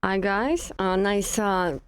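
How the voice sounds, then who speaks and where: A woman from Russia with a Russian accent, a guest in a casual interview, talking in a halting way with many fillers. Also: medium pitch, smooth. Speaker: guest, energy practitioner.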